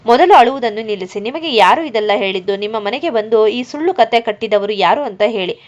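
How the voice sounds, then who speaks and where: Protective young businessman, read by a woman, grave, reassuring, fairly high voice, dull lo-fi sound. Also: lively intonation, fairly quick, lightly acted. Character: rich confident young male businessman, protective. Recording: dull lo-fi recording.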